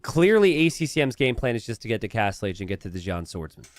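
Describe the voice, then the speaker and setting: With a fairly low voice and big swings in pitch, this male esports caster calls a strategy game live, elongating key phrases to hit them hard. There's no room sound.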